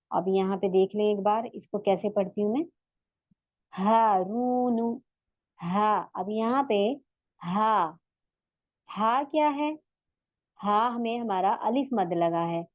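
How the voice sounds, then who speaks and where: A woman's voice: mid-range voice, no room sound, phone-quality sound. A woman teaching tajweed in an online lesson, patiently stretching out sounds to demonstrate them. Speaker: Quran recitation teacher.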